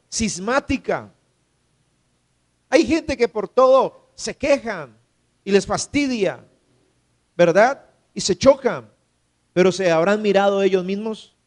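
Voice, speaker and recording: A man's voice: high-pitched, darkish tone. A man, a pastor preaching a sermon in church and asking his congregation rhetorical questions. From Colombia.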